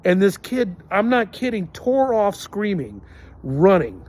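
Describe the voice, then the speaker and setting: A middle-aged podcast host tells personal stories in a casual monologue, earnest and rambling, with lots of fillers and restarts. His voice sits high and sounds very animated and a little mellow, and his pace is slow.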